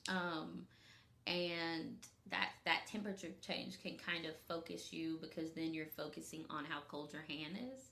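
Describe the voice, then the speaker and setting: Low-pitched and gravelly, this Memphis woman's voice sounds pushed and bright, with little pitch movement and a measured pace. She's a playful, chatty podcast co-host whose casual talk is sprinkled with "like" and "um," recorded in a roomy-sounding space.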